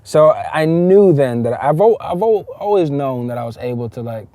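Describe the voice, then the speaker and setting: Rambling rapper, warm and relaxed. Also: male voice, medium pitch, moderate pace, no room sound. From Netherlands. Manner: loose, emphatic, full of fillers and restarts. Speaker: rapper interviewed. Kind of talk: casual interview talk.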